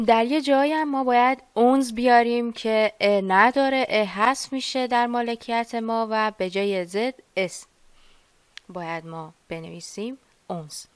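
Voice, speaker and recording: A woman teaching a language lesson, explaining patiently and repeating each word slowly. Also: fairly high pitch, fairly even intonation, smooth, no room sound.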